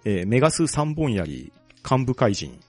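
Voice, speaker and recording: A man co-hosting a podcast, explaining a topic calmly and methodically. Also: mid-range voice, measured pace, breathy edge, no room sound, faint music behind. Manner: explains at length, calm and methodical. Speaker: podcast co-host presenting a local hero. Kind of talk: casual chat.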